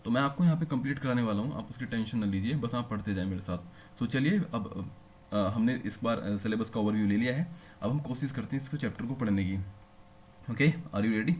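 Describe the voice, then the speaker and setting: A man at an ordinary middle pitch teaches a lesson, explaining each point patiently. He keeps turning to his listeners with quick questions to make sure they are following. A faint background noise runs under his voice. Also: a little mellow. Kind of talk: classroom lecture.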